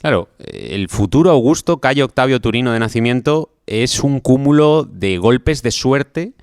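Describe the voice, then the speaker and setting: A man with a Spanish accent, a guest historian talking through a story in a relaxed interview, with many fillers. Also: mid-range voice, unhurried, smooth, dry recording, studio quality. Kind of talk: conversational interview.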